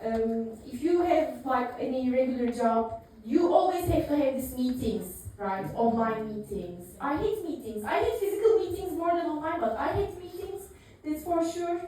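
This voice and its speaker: A Turkish woman in her thirties performs a dry, self-deprecating stand-up set at a live comedy venue as the audience laughs. Her high, warm voice moves at a moderate pace with hardly any pauses, peppered with fillers and little laughs. The sound is echoey and picked up from far away.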